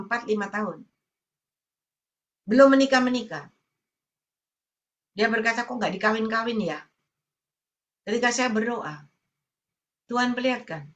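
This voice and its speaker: A woman's voice: on the high side, sharp tone. A middle-aged woman preaching a sermon, telling a testimony and acting out the people she quotes. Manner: storytelling, acts out the voices of people she quotes. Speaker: evangelist preacher.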